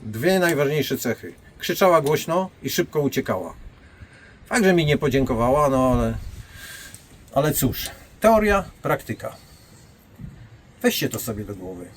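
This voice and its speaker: A man's voice: medium pitch, very animated, normal speed, long pauses, a little hiss or hum. An older man, a martial arts master, telling blunt anecdotes and speaking directly to his listeners. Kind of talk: storytelling monologue.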